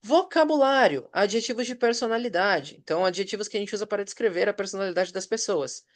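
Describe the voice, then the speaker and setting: Patient Brazilian man teaching English. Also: high voice. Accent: Brazilian Portuguese. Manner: patient, explanatory, checks in often with short questions; reads English example sentences slowly, then translates. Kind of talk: recorded classroom review lesson.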